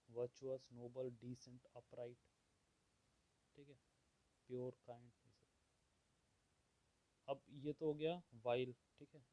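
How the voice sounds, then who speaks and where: A man teaching vocabulary, explaining words and listing their opposites at a steady pace, often checking in with "theek hai". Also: mid-range voice, dry recording, lo-fi sound. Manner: slow and measured, repeats "theek hai" often. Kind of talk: explaining word meanings.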